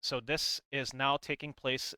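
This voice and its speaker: A video creator talks through game lore he's showing in a casual, rambling explainer, hedging and reading comic text aloud between comments. His medium-pitched voice is pushed and bright, with a level tone and a measured pace.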